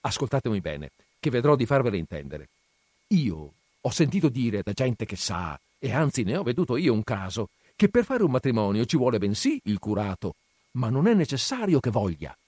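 A man's voice: medium pitch, sing-song, a little mellow, slightly rough, dry recording, voice pushed up. A man reading aloud and voicing a shrewd, talkative middle-aged peasant mother who argues insistently and takes offence easily. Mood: persuading. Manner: insistent, persuasive, quick to take offence.

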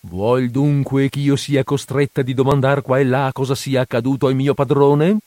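Un uomo che interpreta una governante curiosa e insistente, tra suppliche e rimproveri, in un audiolibro. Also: male voice, medium pitch, little pitch movement, normal speed, darkish tone, no echo, close to an everyday voice. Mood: pressing. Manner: pressing, coaxing and scolding. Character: nosy, insistent middle-aged housekeeper woman.

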